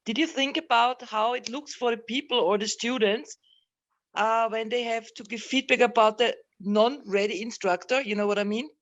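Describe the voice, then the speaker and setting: A participant on a video call asking pointed questions in a somewhat halting way. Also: medium pitch, fairly bright tone, lo-fi sound. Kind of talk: questions in an online meeting.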